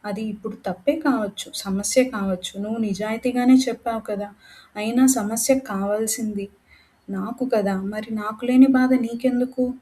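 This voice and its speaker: A woman's voice: fairly high pitch, steady tone, moderate pace, dark tone, close to an everyday voice, rough recording. A woman reading an earnest, caring young woman.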